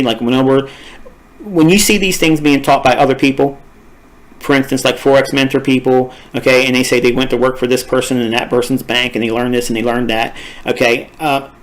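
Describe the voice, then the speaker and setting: A man's voice: medium pitch, rough recording. A man teaching a recorded trading lesson, his voice tired and fading, talking in an emphatic, repetitive and rambling way. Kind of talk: recorded screen-share lesson.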